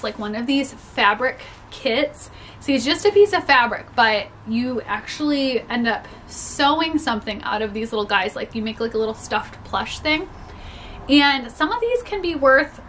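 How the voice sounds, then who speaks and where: Showing off thrifted items from a small indoor room with storage bins, a young reseller vlogger talks in an upbeat, chatty way, peppered with "like" and laughs. She sounds slightly congested from a cold. Her voice is high and a bit bright, with slight background noise.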